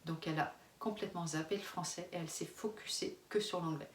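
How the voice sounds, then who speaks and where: A French expat family vlogger in her forties chats casually to the camera, frank and rambling, restarting often and laughing a lot. Her voice is low-ish, steady in tone and a little fast. The room is echoey, the mic sits at a distance, and a faint hum lingers behind her.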